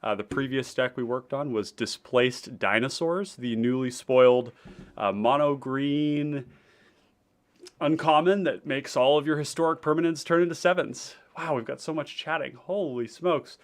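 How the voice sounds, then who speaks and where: Male streamer, casual chat, eats while talking, mid-pitched voice. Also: moderate pace. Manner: chatty, eating while talking, reads out chat. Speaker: streamer host.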